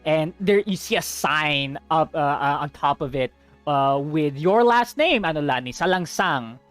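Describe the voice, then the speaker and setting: Brief: game master, man, slow delivery, lots of "uh" and restarts, faint music behind. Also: on the high side, animated, a bit bright. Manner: slow, halting, many fillers. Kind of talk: narrating a tabletop game.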